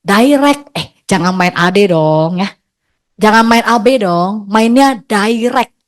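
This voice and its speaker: A middle-aged woman, giving a lively, chatty motivational stage talk as an agency leader, teasing her audience. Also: medium pitch, slow pace.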